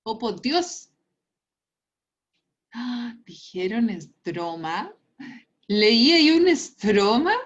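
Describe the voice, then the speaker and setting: Chilean woman, science teacher, higher voice, unhurried, playful teasing delivery, dull online-class sound. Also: lively intonation. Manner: teasing, laughs often, explains patiently. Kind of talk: online class quiz review.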